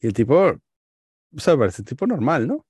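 A man with a Venezuelan accent, co-hosting a podcast and telling a wry anecdote in relaxed chat. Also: mid-range voice, a little fast, slightly rough, dry recording, studio quality. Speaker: podcast co-host. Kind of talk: casual chat, storytelling.

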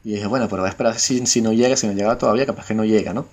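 A man's voice: fairly low pitch, racing. A Venezuelan man with a Venezuelan Spanish accent, telling a casual anecdote to a friend and swearing freely. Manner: animated storyteller, acts out quoted voices, swears freely.

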